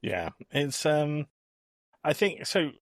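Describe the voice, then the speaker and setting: A British man in his thirties hosts a podcast in relaxed conversation, speaking slowly in a fairly high voice with wide pitch swings. The sound is clean studio quality with no echo.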